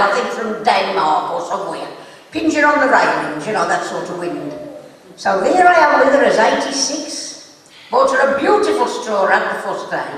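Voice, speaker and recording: A woman's voice: fairly high pitch, a bit bright. A woman telling gossipy comic stories on stage and laughing at her own jokes. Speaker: stand-up comic. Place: live stage show in a hall. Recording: echoey hall from far off.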